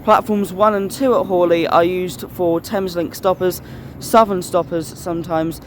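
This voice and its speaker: A man's voice: high voice, steady tone, normal speed. A man giving a casual, explanatory vlog outdoors at a railway station. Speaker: vlogger. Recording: faint outdoor station noise. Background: trains and station ambience.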